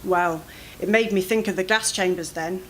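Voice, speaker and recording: A woman reading her own first-person fiction aloud at a literary event, in an expressive, anxious storytelling manner. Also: lowish voice, moderate pace, slight background noise, low-quality recording.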